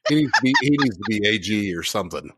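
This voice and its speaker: A man co-hosting a podcast in casual chat, chiming in quickly with agreement and laughter. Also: fairly low pitch, lively intonation, very noisy. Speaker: podcast co-host.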